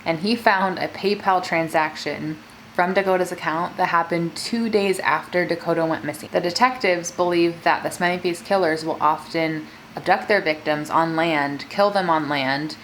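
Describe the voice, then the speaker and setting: A woman's voice: fairly low pitch, moderate pace, slight background noise, rough recording. A woman talking casually as a mukbang host, telling a true-crime story in a chatty way peppered with filler words. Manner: conversational, filler-heavy with frequent "like".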